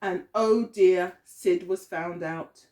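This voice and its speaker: A woman teacher reads a picture book aloud to small children with lots of expression, frequently stopping to ask them questions. Her voice sits fairly low and sounds slightly mellow.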